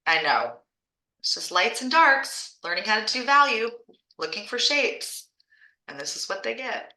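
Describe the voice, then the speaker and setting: A woman's voice: on the high side, big pitch swings, a little slow, sharp tone, echoey room, low-quality recording. A woman who founded an art school franchise and teaches art, presenting on a video call in a chatty, enthusiastic way and often restarting her phrases.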